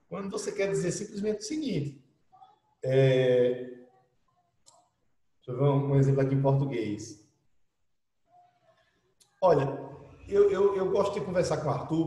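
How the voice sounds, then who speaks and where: Lively male teacher in an echoey room. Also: fairly high pitch. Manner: lively, acts out slang phrases and imitates people. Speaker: English teacher. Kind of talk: online class lesson. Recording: echoey room with long reverb.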